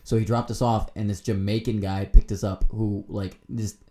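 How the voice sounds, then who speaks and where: A man's voice: fairly low pitch, flat delivery, moderate pace, dark tone. A young man co-hosting a casual podcast, telling crude, rambling stories with lots of laughter. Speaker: podcast co-host.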